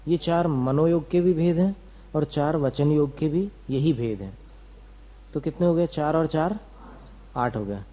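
A man's voice: a little high, a little slow, dull audio. A man giving a doctrinal lecture to students, asking and answering his own questions and listing terms one by one. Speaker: religious teacher.

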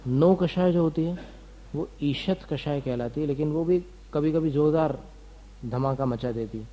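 In a rough recording, a religious teacher with a fairly high, dark-toned voice delivers a doctrinal lecture to students at a slightly slow pace. He raises his own questions, answers them, and goes through terms one by one.

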